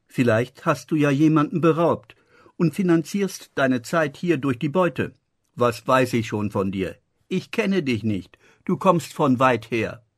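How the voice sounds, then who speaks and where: A man's voice: mid-range voice, animated, measured pace, no room sound, clean studio sound. A man voicing a nosy, paunchy male innkeeper who teases and pries in an audiobook. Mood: teasing. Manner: teasing, mock-indignant.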